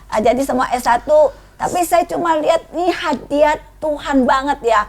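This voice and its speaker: A middle-aged woman sharing a personal testimony in casual chat, an animated storyteller who laughs often and acts out the voices of the people she quotes. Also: high-pitched, normal speed, a little hiss or hum.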